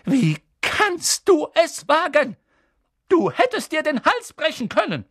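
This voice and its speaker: A stern, scolding elderly schoolmistress from a storybook reading, put on by a man. Her voice goes shrill and high, clipped with outrage. Close, dry sound. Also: huge pitch swings, measured pace, creaky, a bit bright, breathy edge, no room sound, heavily acted. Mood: outraged.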